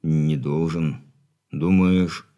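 A man's voice: very deep voice, steady tone, drawn-out words, mellow, lo-fi sound, pitched below the performer's own voice, heavily acted. A man reading an audiobook, voicing an older grandfather who speaks earnestly and subdued. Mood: troubled.

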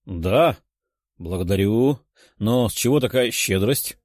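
A man voicing a calm, easygoing young demon, slightly lowered. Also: slow pace, no echo, studio quality.

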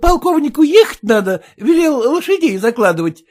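A woman's voice: high-pitched, big pitch swings, moderate pace, a little mellow. A man reading a story aloud, voicing a put-upon kitchen cook woman with a whining, tearful manner. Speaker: character in a read story.

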